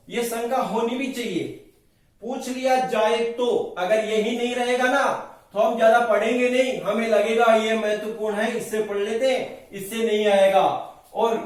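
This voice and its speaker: A man teaching Sanskrit grammar in a lecture, explaining step by step and asking and answering his own questions. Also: sits high. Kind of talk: classroom lecture at a board. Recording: very echoey room, mic far off.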